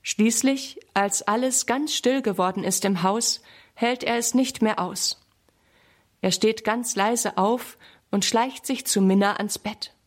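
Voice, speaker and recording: A woman's voice: a little high, takes it slowly. Woman reading a children's story. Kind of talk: children's story read aloud.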